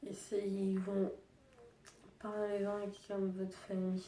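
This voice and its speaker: A young woman speaking quietly and hesitantly in a personal vlog, subdued and sad, with halting, restarting sentences. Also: medium pitch, completely flat delivery, roomy sound, distant mic, a little hiss or hum. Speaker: vlogger.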